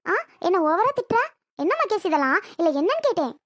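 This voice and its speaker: A voice actor playing a sharp-tongued young bride in a homemade cartoon, speaking Tirunelveli Tamil. She taunts and orders people around. Her voice is very high and rattles along fast. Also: very animated, dry recording, clean studio sound, exaggerated voice. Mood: scornful. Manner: taunting, bossy. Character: bossy new bride, sharp-tongued and rude. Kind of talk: cartoon voice acting.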